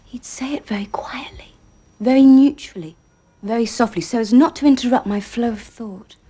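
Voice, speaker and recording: Brief: actress as a wry, teasing woman, husky and mellow, fairly high voice. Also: normal speed, close to an everyday voice. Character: wry woman who was once in analysis. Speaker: woman recalling her analysis. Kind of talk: film dialogue.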